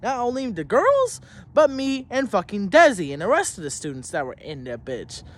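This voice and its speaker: Angry young man ranting, swinging pitch. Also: wildly swooping pitch, moderate pace. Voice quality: rambling, swearing heavily, restarting sentences. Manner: heated and indignant, mocking in tone. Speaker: student telling a school story. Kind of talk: angry profane rant to camera.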